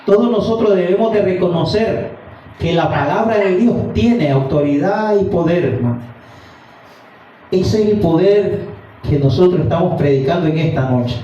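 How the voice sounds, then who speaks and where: A man's voice: high voice, expressive, moderate pace, warm tone. A man preaching a fervent evening sermon, reading scripture aloud and calling his listeners brother. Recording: dull, roomy sound from a distant mic.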